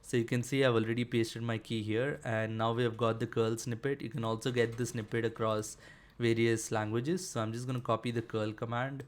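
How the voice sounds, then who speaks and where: A man talks through a software tutorial at an ordinary mid pitch. His delivery is relaxed and conversational, with lots of small fillers and restarts as he clicks through a demo. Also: a little fast. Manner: casual, filler-heavy explaining with frequent "uh" and "basically". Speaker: developer tutorial presenter. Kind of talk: screen-share coding tutorial.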